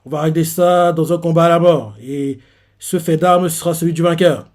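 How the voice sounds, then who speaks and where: A man voicing a proud, hot-tempered young male warrior with a gruff, insulting manner, read from a comic. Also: fairly high pitch, steady tone, moderate pace, natural voice. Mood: challenging. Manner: gruff, insulting, shouting retorts.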